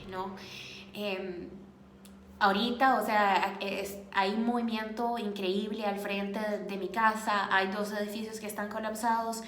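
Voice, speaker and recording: A woman from Costa Rica with a Costa Rican accent, talking earnestly and reflectively to camera in a casual vlog, often pausing to search for words. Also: mid-range voice, a bit bright. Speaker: vlogger. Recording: echoey room with faint noise.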